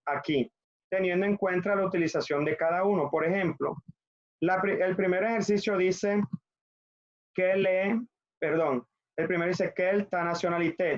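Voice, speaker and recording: Man, colombian spanish accent, teacher, patient conjugation drills, fairly high voice, dull lo-fi sound. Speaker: French teacher. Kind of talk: classroom lesson over video.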